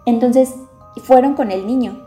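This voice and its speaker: Casting: Mexican woman host telling a ghost story, slow and mellow, roomy sound with soft music. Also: a little high. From Mexico City. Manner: slow, drawn-out storyteller acting out quotes. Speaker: podcast host. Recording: echoey room with music behind.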